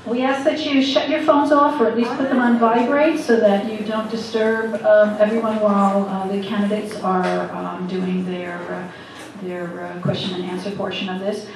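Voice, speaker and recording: A woman's voice: medium pitch, fairly even intonation, normal speed, background noise. A woman giving housekeeping announcements at a community event, hesitant with many ums. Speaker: event organizer. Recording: echoey hall from far off.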